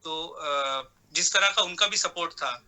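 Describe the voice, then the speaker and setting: A male actor answering interview questions casually, often slipping English phrases in and pausing on fillers. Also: a little high, bright, forceful tone, rough recording. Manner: mixes English phrases into Hindi talk; hesitant fillers before answers.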